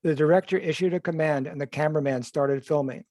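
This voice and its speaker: A man reads from his own novel at a measured, even pace, now and then correcting a word. His voice sits a little high for a man. The sound is dry and close, with no room around it. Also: no room sound. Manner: measured, even reading with occasional self-corrections. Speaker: author. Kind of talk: reading aloud from his novel. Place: livestream reading.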